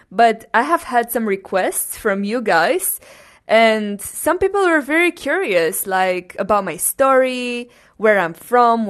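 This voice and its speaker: Young woman, from Romania, podcast host, slow measured delivery, earnest personal monologue. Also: mid-range voice. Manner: earnest, grateful, unhurried.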